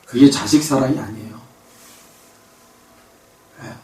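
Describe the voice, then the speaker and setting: A man's voice: medium pitch, slow pace, darkish tone. A male pastor preaching a sermon, emphatic, with rhetorical questions and bursts of raised voice. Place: church sanctuary. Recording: echoey church hall from far off.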